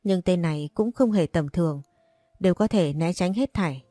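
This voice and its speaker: Woman reading a story, low mellow voice. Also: moderate pace, no echo. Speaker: story narrator. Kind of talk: first-person storybook narration.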